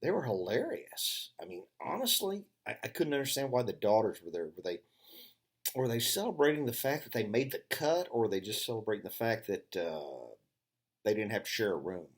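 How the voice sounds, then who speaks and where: Older man, lowish voice, casual rambling monologue, sarcastic storyteller, lots of fillers. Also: sing-song, fairly quick. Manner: rambling, with many "uh" fillers and restarts; sarcastic storyteller who acts out both sides of a dialogue. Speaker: vlogger. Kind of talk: casual monologue of funny stories.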